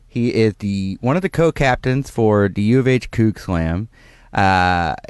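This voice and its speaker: A man's voice: fairly low pitch, clean tone, no room sound, clean studio sound. A man hosting a radio show, introducing his guest in loose, laughing chat. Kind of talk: casual interview chat. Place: radio studio.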